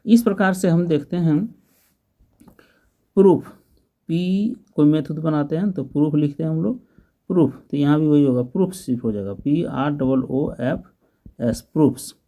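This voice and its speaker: Fairly high in pitch yet dark in tone, this man's voice leads an unhurried English grammar lesson. He spells each word slowly, one letter at a time, and keeps quizzing the class with a patient manner.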